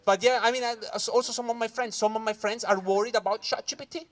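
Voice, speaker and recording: Speaking quickly in a voice that sits high, a stand-up comedian from Ticino, Switzerland, entertains a corporate event audience in English. His act is loud, animated crowd work aimed straight at the room, peppered with "guys."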